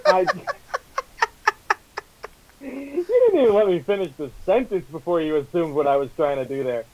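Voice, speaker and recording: A man playing a tabletop game, talking casually in a halting way. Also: high-pitched, sing-song, a little mellow, muffled recording.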